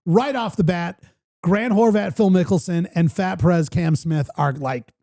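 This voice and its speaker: A man's voice: sits high, normal speed. A man hosting a casual podcast chat, telling stories with lots of energy and acting out the voices of other people. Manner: animated storyteller, acts out voices. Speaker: podcast host.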